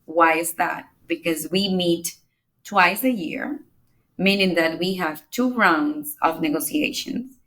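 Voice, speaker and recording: This Dominican climate negotiator speaks as a podcast guest, her lower voice a bit bright as she answers interview questions at an unhurried, explanatory pace. She stays measured, walking through points step by step and restarting in small ways. Sound quality is rough.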